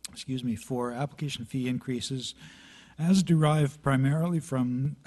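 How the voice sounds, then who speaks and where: A man with a dark, mellow, slightly hoarse voice reads out a planning budget report at a council meeting. He stumbles along with many fillers and now and then clears his throat, speaking into a chamber microphone. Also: mid-range voice, slow. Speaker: city planning staff presenter. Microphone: meeting room microphone.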